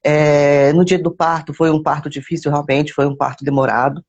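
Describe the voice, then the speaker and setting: A woman's voice: low voice, little pitch movement, moderate pace, a little mellow, breathy edge, muffled recording. A woman telling her personal faith testimony to live viewers. She repeats words and phrases for emphasis and calls out to viewers by name. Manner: addresses viewers by name mid-story. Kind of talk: personal testimony, casual storytelling.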